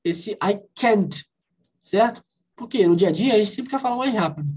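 Lively Brazilian teacher drilling a class. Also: female voice, medium pitch, slightly rough. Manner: lively, coaxing, asks the class questions and drills phrases slowly. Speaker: English teacher. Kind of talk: online class explanation. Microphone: video call.

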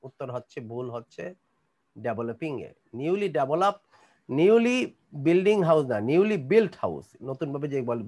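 A Bangladeshi man teaching an online grammar class, his pitch swinging up and down as he explains. He sits somewhat high for a man. He reads the test sentences slowly and deliberately, then rattles off his explanations. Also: darkish tone. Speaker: English teacher.

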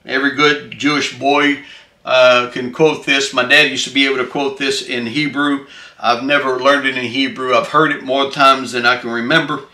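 A man preaching a Bible study sermon, halting over frequent filler sounds and repeated phrases, then making emphatic declarations. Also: medium pitch, little pitch movement, sharp tone. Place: church. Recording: echoey room.

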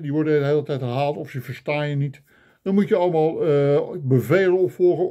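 A man's voice: on the high side, dark tone. An older man filming himself on a phone, delivering a mock-indignant comic rant full of grumbling complaints. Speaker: vlogger. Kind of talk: ranting comic monologue. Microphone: phone camera.

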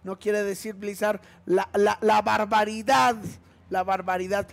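Gravelly Mexican man casting esports. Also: high-pitched, fairly even intonation, a little slow, faint music behind. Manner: slangy, joking banter. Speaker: esports caster. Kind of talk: casual esports commentary.

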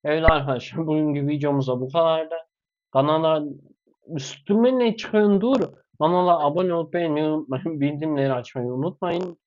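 A man's voice: a little high, brisk, a little mellow. A man vlogging casually with his parrot and dog, talking to viewers and coaxing and scolding the animals playfully. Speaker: pet vlogger. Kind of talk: casual vlog talk to pets and viewers. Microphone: clip-on mic. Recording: slightly dull lo-fi sound.

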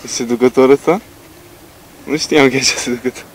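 A footballer in a casual group interview, joking and reading words out loud. His voice sits at an ordinary middle pitch for a man. A faint outdoor hum runs behind him. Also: fairly even intonation, poor audio.

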